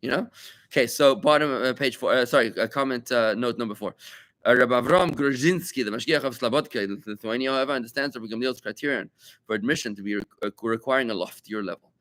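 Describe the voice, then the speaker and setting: A man, a rabbi, teaching a Talmud class to students, animated and full of rhetorical questions, repeating key points for emphasis. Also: mid-range voice, quick pace. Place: study room with students.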